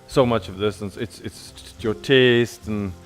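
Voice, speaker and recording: Lowish-voiced man chatting while cooking. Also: steady tone, measured pace, music in the background. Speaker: cooking co-presenter. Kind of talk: casual chat while cooking.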